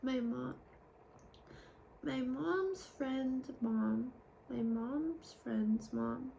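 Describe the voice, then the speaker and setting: A young woman in a casual confessional vlog, rambling candidly and sometimes dropping to a soft whisper. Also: high voice, extremely slow, gravelly, slight background noise. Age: young adult. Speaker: vlogger.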